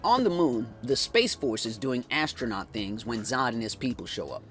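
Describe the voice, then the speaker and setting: A man's voice: mid-range voice, animated, normal speed, a bit bright. A man narrating a comedic movie recap, full of sarcastic, jokey asides, over background music. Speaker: movie reviewer.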